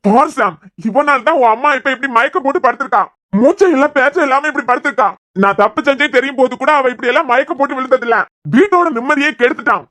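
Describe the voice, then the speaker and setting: Woman doing a menacing cartoon father, Kanyakumari Tamil accent, shouting and scornful, fairly high for a man, dry close sound. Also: expressive, fairly quick, no room sound, close to an everyday voice. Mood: bitter. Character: angry middle-aged father, menacing head of house. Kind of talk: cartoon web series voice acting.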